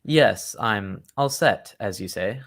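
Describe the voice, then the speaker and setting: An actor playing a genial, loyal and excitable English gentleman doctor who tells stories in old-time radio drama style. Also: on the low side, slow, heavily acted. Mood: genial, welcoming. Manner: genteel, old-fashioned storytelling.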